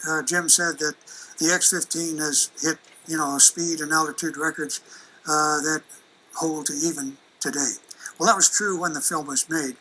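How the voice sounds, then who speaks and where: A man's voice: on the high side, sharp tone, a little hiss or hum, poor audio. An older man giving a folksy, conversational lecture as an aerospace engineer, presenting slides and video clips with many restarts.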